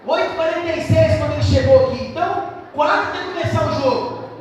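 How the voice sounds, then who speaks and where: A woman's voice: high-pitched, fast. A woman with a Brazilian Portuguese accent preaching a sermon, emphatic and repetitive, asking the congregation rhetorical questions. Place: church hall. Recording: echoey church hall, distant mic, faint noise.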